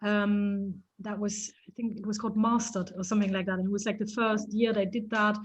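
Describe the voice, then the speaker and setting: A woman from East Germany, a photographer, telling stories in a casual interview with lively restarts and laughter. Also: mid-range voice, brisk, poor audio. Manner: animated storytelling, frequent restarts and laughs.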